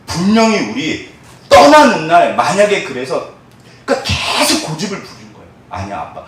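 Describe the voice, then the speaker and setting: A man preaching a sermon as pastor, lively and expressive, acting out the voices of church members and dropping to hushed tones when he prays. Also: high voice, moderate pace. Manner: animated, acts out quoted voices of church members; drops to soft, hushed tones in prayerful moments. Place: church sanctuary. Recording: echoey church hall, mic at a distance.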